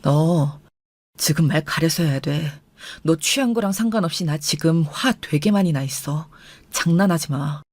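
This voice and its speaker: A woman voicing an angry young husband who speaks in a lowered, firm, cold tone. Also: expressive, fairly quick, no echo, studio quality, natural voice. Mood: stern anger.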